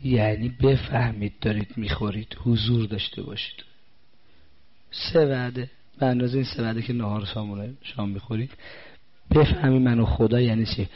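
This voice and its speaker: A man giving a sermon, putting direct questions to his listeners and slowing down to recite scripture. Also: medium pitch, fairly even intonation. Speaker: religious preacher. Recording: dull lo-fi recording.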